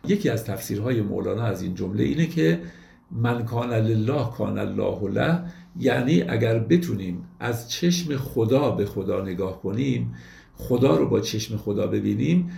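Gravelly-voiced man explaining poetry. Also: on the low side, mellow, echoey room. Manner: recites verse slowly, then explains in plain speech. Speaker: lecturer on poetry. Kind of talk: explanatory talk reciting classical verse.

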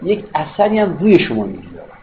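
A man's voice: fairly high pitch, wildly swooping pitch. A man giving a philosophy lecture, explaining step by step, rephrasing points and checking that listeners follow. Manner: explanatory, repeats and rephrases, checks understanding with questions. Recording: dull lo-fi recording with faint noise.

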